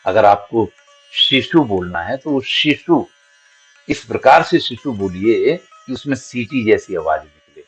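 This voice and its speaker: A man teaching Sanskrit grammar, patiently explaining and sounding out each syllable slowly as an example. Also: fairly low pitch, expressive. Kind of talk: spoken grammar lesson. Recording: dull lo-fi audio with faint background music.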